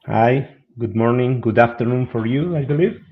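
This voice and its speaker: A middle-aged Argentine man, a business analyst, presents as a guest speaker in a webinar with an Argentine Spanish accent. His voice is medium-pitched and moderately paced, carried over dull lo-fi online call audio.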